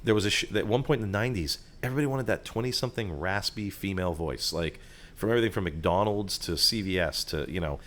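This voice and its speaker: A man's voice: low-pitched, quick pace, fairly bright tone. A man, a voiceover artist and sound designer, talking as a guest over a restaurant table, chatty and loose with plenty of fillers and asides. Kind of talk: conversational explaining.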